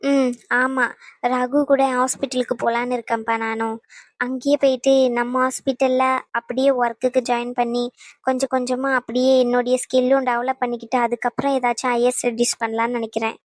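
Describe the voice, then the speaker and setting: A woman's voice: on the high side, level tone, fairly quick, no room sound, studio quality, lightly acted. A woman voicing a determined young woman in a cartoon who explains her plans to her father. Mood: earnest. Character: earnest young woman, elder daughter, determined. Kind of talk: cartoon voice acting.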